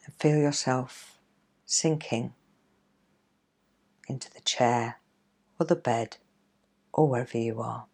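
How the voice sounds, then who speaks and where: A woman coach leading a guided relaxation exercise in a gentle, soothing, measured way, leaving pauses between phrases. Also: a bass voice, vocal fry, husky. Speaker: coach and podcast host.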